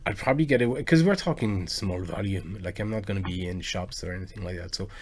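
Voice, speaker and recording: Low-voiced Frenchman chatting on a stream. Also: fast, slight background noise. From France. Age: 40s. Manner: chatty, rambling, with frequent bursts of excitement. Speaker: live stream host and game music cover artist. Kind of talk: casual live-stream chat, answering viewers.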